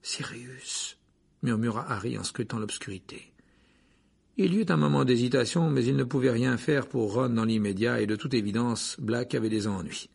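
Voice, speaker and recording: A man reading a fantasy novel aloud as audiobook narrator, telling it dramatically with hushed passages. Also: mid-range voice, fairly quick. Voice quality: husky, gravelly. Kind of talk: scripted narration.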